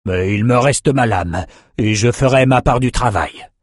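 A man's voice: mid-range voice, unhurried, slightly rough, no room sound. A man voicing an old male wizard in an audiobook, making dry, understated remarks. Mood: rueful.

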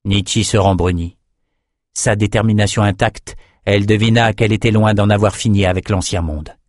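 Low-voiced man narrating a fantasy audiobook. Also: steady tone, moderate pace, a little mellow, dry recording, studio quality.

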